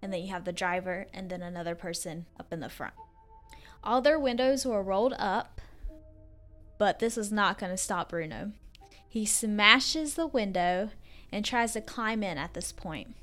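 A woman's voice: mid-range voice, normal speed, fairly bright tone, faint music behind. A woman co-hosting a podcast, casually retelling a true story with fillers and acted-out quotes. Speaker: podcast co-host.

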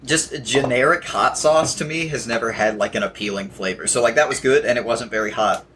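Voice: medium pitch, a little fast, a bit bright. Someone in a casual group podcast who circles around an opinion, full of "like"s and restarts. There is faint hiss in the recording. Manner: rambling, many likes and restarts.

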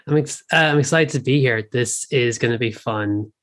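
A man's voice: mid-range voice, moderate pace, fairly bright tone. Informal Irish man chatting as podcast guest. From Ireland. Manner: informal, peppered with "like". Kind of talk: casual film discussion.

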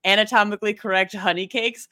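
A woman's voice: mid-range voice, fairly even intonation, fast talker, sharp tone, no room sound, clean studio sound. A woman co-hosting a podcast, rambling and giggly as she presents her research in casual chat. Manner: giggly, rambling, self-deprecating.

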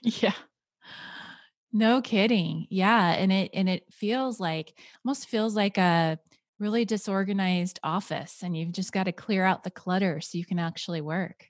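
A woman's voice: medium pitch, unhurried, no echo, studio quality. A woman interviewer who responds to her guest with affirming, reflective comments. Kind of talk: interview conversation.

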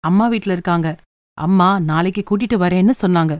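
A woman's voice: lowish voice, a little fast, a little mellow, dry recording, close to an everyday voice. A woman voicing a frustrated young married woman who complains in a sulky, exasperated way in a storybook reading. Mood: thoughtful.

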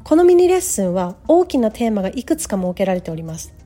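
A woman hosting a podcast English lesson, modeling pronunciation slowly and repeating words. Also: medium pitch, sing-song, mellow, soft background music. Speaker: English teacher. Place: lives in Canada.

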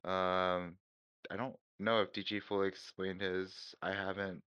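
Male co-host, lowish voice, teasing moderator of a casual group call. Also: little pitch movement, unhurried, pushed and bright, slight background noise. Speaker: podcast co-host steering the discussion.

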